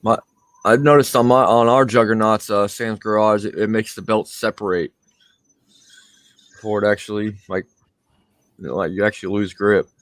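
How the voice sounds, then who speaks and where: A man's voice: fairly low pitch, steady tone, normal speed, long pauses, no room sound. A man hosting a casual live stream, greeting viewers by name in an upbeat way.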